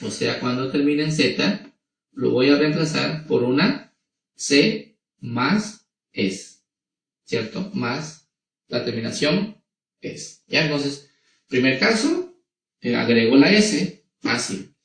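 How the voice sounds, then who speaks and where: A man's voice: mid-range voice, lively intonation, gravelly. Man, Peruvian accent, teacher, patient grammar lesson, repeats himself, roomy echo. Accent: Peruvian Spanish. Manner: slow, repetitive, checks in with children. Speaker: primary school teacher. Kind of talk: explaining grammar to children. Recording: echoey room, voice from a distance.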